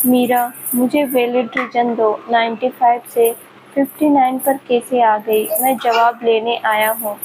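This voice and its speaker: A woman's voice: fairly high pitch, little pitch movement, unhurried, noisy background, lightly acted. A woman voicing a grave, heartbroken young man. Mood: stern. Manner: earnest, grave, reproachful. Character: serious young man, hurt and self-blaming. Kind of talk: storybook dialogue reading.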